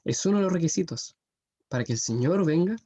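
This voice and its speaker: A man's voice: a little high, expressive, brisk, dark tone, breathy edge. A young man preaching an earnest youth sermon, often checking in with his listeners. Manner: earnest, often adds "¿cierto?". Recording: dull muffled sound.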